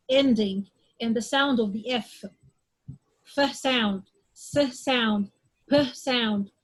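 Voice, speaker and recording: A woman's voice: sits high, rough recording. A woman teaching English pronunciation in class, drilling example words one by one and often checking with "okay?". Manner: drills word sounds aloud one at a time.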